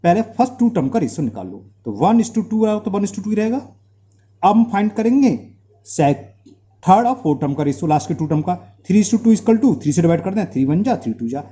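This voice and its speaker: A man's voice: high-pitched, big pitch swings, normal speed, warm tone. A man with an Indian accent teaching a maths lesson, quizzing the class and repeating terms, with slight trouble speaking from mouth sores. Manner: asks the class rhetorical questions, drills terms by repetition.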